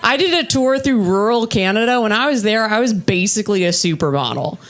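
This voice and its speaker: A woman in her thirties with a low voice for a woman, doing a live stand-up set on a festival stage in a dry, self-deprecating way. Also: fairly quick, music in the background. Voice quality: low, husky-toned voice for a woman. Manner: deadpan, self-deprecating delivery. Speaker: stand-up comedian.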